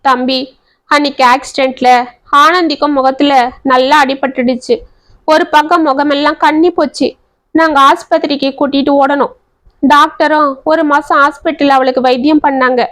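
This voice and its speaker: Lady doing a sobbing widowed mom, lamenting, high and raised. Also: steady tone, moderate pace, fairly bright tone. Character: grieving village mother, widowed, tearful.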